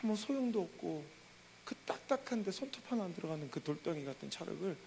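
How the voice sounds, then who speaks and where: A middle-aged man preaching in a church, telling a story with animated, emotional delivery. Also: high-pitched, fast talker, vocal fry, slight background noise, rough recording. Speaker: pastor. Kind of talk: sermon storytelling.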